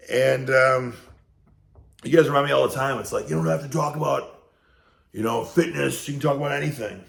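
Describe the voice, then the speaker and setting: A man's voice: medium pitch, creaky, fairly bright tone. A man who is losing his voice, chatting to camera in a loose, blunt way with mild swearing, from a room at home. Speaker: fitness YouTuber reacting to a video. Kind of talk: casual rambling chat to camera. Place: indoor room at home with a TV behind him. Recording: roomy echo.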